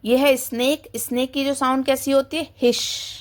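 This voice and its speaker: A woman with a high voice and level tone teaches English to kindergarten children in a blend of Hindi and English. Patient and slow in her explanations, she answers her own questions and imitates animal sounds.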